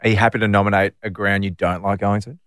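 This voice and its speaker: A man's voice: lowish voice, flat delivery, fast talker, fairly bright tone, clean tone, no room sound, studio quality. An Australian man hosting a podcast, easygoing, chiming in briefly. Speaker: podcast host. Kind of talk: casual podcast chat.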